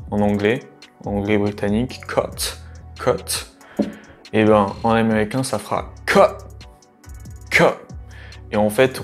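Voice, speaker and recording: A man's voice: on the low side, darkish tone. A man in his late teens casually explaining things to the listener, rambling with many fillers and restarts. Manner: addresses the listener familiarly as "tu". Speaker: language tutor.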